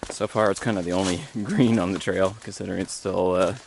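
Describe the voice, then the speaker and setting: A young man casually vlogging while hiking a mountain trail, talking in a halting, easygoing way with many fillers, sometimes out of breath. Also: sits low, fairly even intonation. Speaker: thru-hiker vlogger. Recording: outdoor clip with clear background noise.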